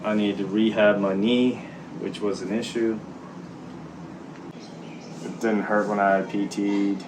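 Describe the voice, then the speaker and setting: A man talking candidly and haltingly in a casual, reflective vlog while out walking. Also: on the low side, level tone, background noise. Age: middle-aged. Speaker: vlogger, military serviceman and former Marine. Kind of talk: casual walk-and-talk vlog.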